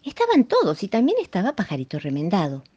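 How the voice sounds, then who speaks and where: A woman reading a children's folk tale aloud with an expressive delivery. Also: medium pitch, fast, husky, dull audio. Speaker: storyteller. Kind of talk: scripted storytelling for children.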